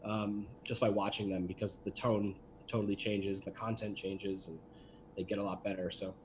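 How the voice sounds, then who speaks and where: A man's voice: lowish voice, level tone, moderate pace, background noise. Chatty young man rambling casually. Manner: chatty, rambling with many fillers. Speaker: guest, voice actor and animator. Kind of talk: casual livestream interview.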